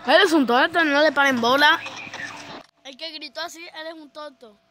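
A woman's voice: sits high, moderate pace, background noise. A woman teasing and mocking the players as she comments on a game. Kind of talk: casual commentary over a game.

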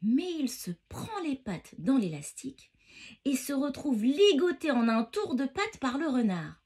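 Animated woman reading a bedtime story. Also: high-pitched, measured pace, breathy edge. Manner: animated, expressive, addresses children directly. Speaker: storyteller for children.

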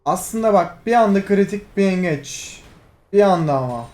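High-voiced excitable young man gaming. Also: moderate pace. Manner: excitable, teasing, shouts at teammates and laughs. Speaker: gaming streamer. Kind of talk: live gameplay commentary.

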